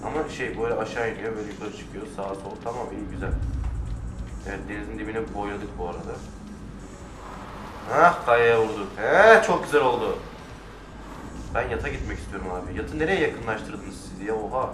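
A man giving casual let's-play commentary, excitable, swearing and shouting at the game. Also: fairly low pitch, fairly quick, pauses often, background noise. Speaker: gamer. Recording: roomy, distant mic with faint music.

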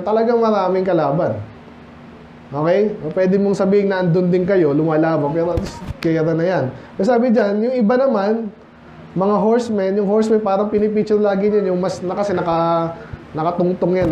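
Filipino preacher in an echoey church. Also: male voice, sits high, dark tone. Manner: preaching in Tagalog-English mix, rhetorical questions to the congregation; reads scripture aloud slowly and deliberately. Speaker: pastor. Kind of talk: sermon. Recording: echoey church room, slightly dull sound, faint noise.

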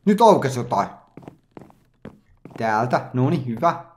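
A man's voice: mid-range voice, sing-song, slight background noise. A man giving casual, joking let's play commentary, reacting aloud to everything he finds in a game. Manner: chatty, joking, reacts aloud to what he sees. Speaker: gaming channel host.

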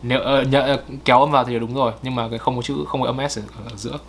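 A man, co-hosting and correcting pronunciation in a casual way, repeating words slowly to model them. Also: mid-range voice, little pitch movement, slight background noise.

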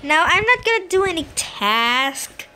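A young woman with a high, bright voice talks her way through a video game. She is playful and giggly, and she chats to the characters on screen in an easy, unhurried way. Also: big pitch swings, a little hiss or hum. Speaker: gameplay commentator. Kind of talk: casual gameplay commentary.

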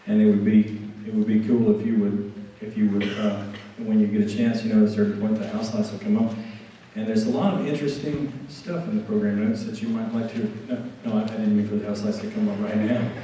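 A man's voice: lowish voice, little pitch movement, a little fast, mellow, a little hiss or hum. A man from Alabama, a band director giving a rambling stage announcement full of fillers and restarts. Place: school auditorium. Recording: echoey hall from far off.

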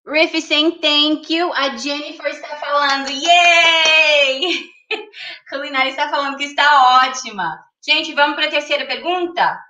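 A woman's voice: sits high, normal speed, sharp tone. A woman hosting a casual livestream, chatting and laughing as she reads viewer comments aloud. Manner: giggly, laughs often. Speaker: livestream host.

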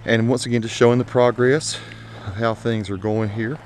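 The speaker is a man with a mid-range voice, a steady tone, a moderate pace and a slightly mellow quality. He chats through an unscripted, folksy tour of his home garden, casual vlog style, captured outdoors by an action camera mic as he walks, with slight background noise.

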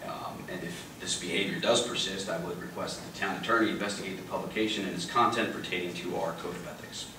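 A man's voice: low voice, fairly even intonation, fast. A middle-aged man, a council member, speaking insistently and with frustration at a public meeting. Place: large meeting room indoors. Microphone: table microphone. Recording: echoey room, distant mic, background noise.

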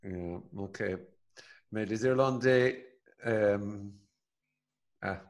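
A man hosting a casual chat, halting through French with many fillers. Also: on the low side. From Ireland. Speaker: podcast host.

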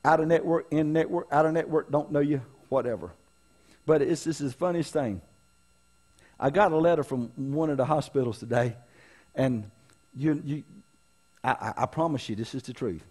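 A man's voice: medium pitch, moderate pace, pauses often, a little mellow, breathy edge. A man, preaching a sermon as pastor in a folksy manner, calling out to his congregation.

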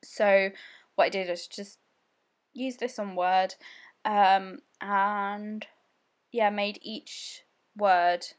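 A woman's voice: mid-range voice, fairly even intonation, very slow, long pauses. A young woman giving a casual, rambling voice-over, giggly and full of fillers. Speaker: scrapbooking vlogger.

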